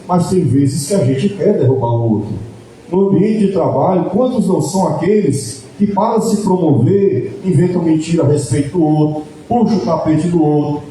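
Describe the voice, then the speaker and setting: Male priest, sermon, deep mellow tone, very echoey church, faint murmur behind. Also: a little hiss or hum. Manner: storytelling preacher, emphatic, slows to stress points. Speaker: parish priest. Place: large church at a festival mass.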